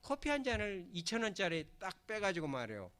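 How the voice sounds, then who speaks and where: A man's voice: high voice, huge pitch swings, a little fast, a bit bright. A middle-aged man from Korea preaching a sermon as pastor of his church, telling folksy stories, acting out quotes and having the congregation repeat lines after him. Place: church sanctuary.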